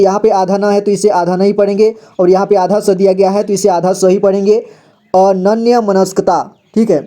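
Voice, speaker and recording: High-pitched, patient man teaching reading. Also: mellow. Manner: patient, repeats each word slowly and often says "ठीक है". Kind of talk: slow explanatory lesson, spelling out words.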